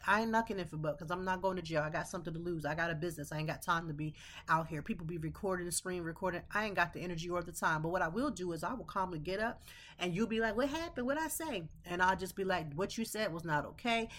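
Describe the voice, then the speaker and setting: A woman's voice: fairly low pitch, sharp tone. A woman in her thirties hosting a podcast, speaking in an emphatic, preachy way with slang. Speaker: podcast host. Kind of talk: casual motivational monologue.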